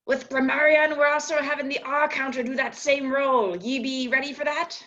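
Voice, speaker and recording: A woman's voice: high voice, fairly even intonation, brisk, fairly bright tone. A woman playfully mixing pirate talk into plain speech at a club meeting, over dull lo-fi video call audio.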